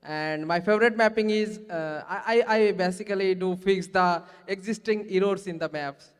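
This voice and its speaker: A man from Bangladesh with a high, clear voice introduces himself on a panel. He speaks hesitantly and restarts his phrases. The sound has the long reverb of a hall. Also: moderate pace. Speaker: board director.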